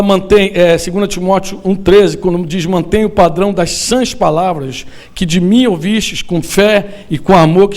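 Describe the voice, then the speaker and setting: Addressing pastors and leaders in a conference hall, a high-voiced man with a Brazilian Portuguese accent preaches in a loose, animated, conversational style. He sprinkles in slang and quick questions to the crowd, sounding as if he stands before a room.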